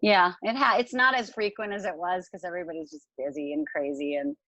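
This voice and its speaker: A woman's voice: fairly low pitch, brisk, a bit bright, dry recording, lo-fi sound. A woman in her forties, a musical theatre actress, chatting casually over a video call and rambling with lots of fillers. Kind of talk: casual Q&A chat.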